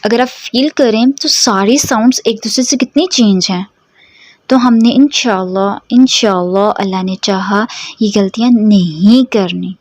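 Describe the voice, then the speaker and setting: A woman's voice: mid-range voice, a little slow, a little mellow, dry recording. A woman teaching Quran letter pronunciation. She explains step by step, asks her students questions and draws out each model sound for them to repeat. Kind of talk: slow, careful pronunciation lesson.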